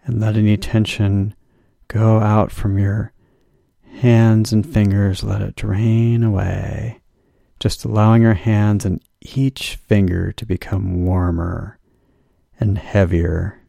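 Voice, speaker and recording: A man leading a guided progressive muscle relaxation, speaking in slow, soothing, drawn-out instructions. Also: lowish voice, level tone, gravelly, mellow, dry recording, studio quality.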